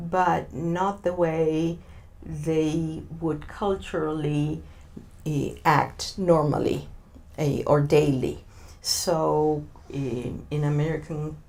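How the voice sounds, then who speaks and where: Slow, thoughtful Argentine woman. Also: on the low side, darkish tone. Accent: Argentine Spanish. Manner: thoughtful, many filler sounds, searching for words. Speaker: interview guest. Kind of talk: interview answers.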